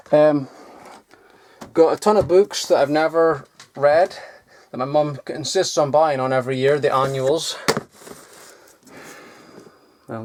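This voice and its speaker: A vlogger rummages through a cluttered loft, showing off old toys in a casual, rambling show-and-tell full of fillers, digressions and frequent swearing. His voice is a little high, with a little hiss or hum.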